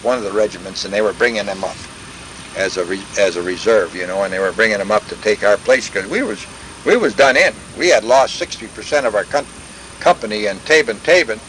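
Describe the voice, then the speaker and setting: An older veteran telling war stories in a rambling, folksy way, full of restarts and sound effects. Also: male voice, medium pitch, a bit bright, a little hiss or hum, rough recording. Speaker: veteran interviewee. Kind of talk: oral history war reminiscence.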